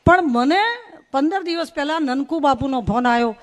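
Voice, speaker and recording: A woman's voice: high-pitched, moderate pace. A middle-aged woman from Gujarat, giving a humorous public speech at a village gathering, telling folksy stories in rhyming phrases. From North Gujarat. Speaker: invited speaker at a folk gathering.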